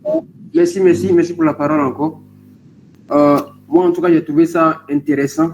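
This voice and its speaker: A man's voice: on the high side, fairly even intonation, normal speed, darkish tone. A man in a group video call politely asking the coach a question, hesitant with many fillers. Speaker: coaching participant. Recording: dull call audio with faint noise.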